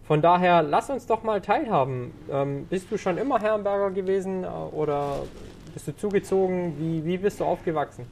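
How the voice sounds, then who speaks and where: A man's voice: sits high, moderate pace, vocal fry, hardly any pauses, a little mellow, a little hiss or hum. A man hosting a fitness podcast, asking his guest questions in a friendly manner with frequent filler sounds. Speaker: podcast host. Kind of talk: casual interview hosting.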